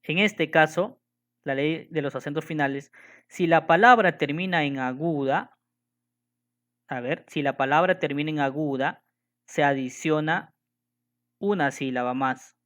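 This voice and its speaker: Teaching poetry to a class, a man speaks with a slightly high, bright, smooth and clear voice. He goes over each rule again, slowly counts out syllables one by one, and patiently checks understanding with "¿de acuerdo?"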